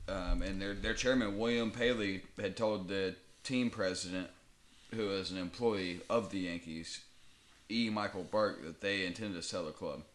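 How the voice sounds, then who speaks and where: A man with a low voice chats casually on a podcast. He works through names and figures steadily and fills his pauses with ums. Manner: relaxed, reads out details with filler ums. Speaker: podcast co-host. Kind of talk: casual conversational chat.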